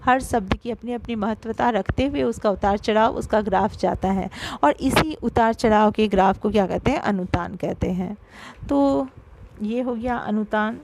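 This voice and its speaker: A woman teacher giving an online grammar lesson, talking straight to her pupils and slowing down to spell out sounds. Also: mid-range voice, vocal fry, background noise. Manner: explanatory, addresses pupils directly, stresses syllables slowly.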